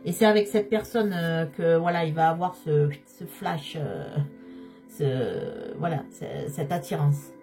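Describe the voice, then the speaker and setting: A slightly hoarse woman giving a tarot reading, speaking straight to her viewers and repeating key phrases for emphasis. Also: low-pitched, animated, unhurried, mellow, soft background music. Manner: repetitive, emphatic, addresses viewers directly. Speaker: tarot card reader.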